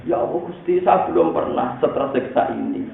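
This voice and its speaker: A man voicing a tearful, bewildered female saint pleading to God in a high voice. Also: animated, fairly quick, creaky, far from the mic. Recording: tinny echoey phone-like sound.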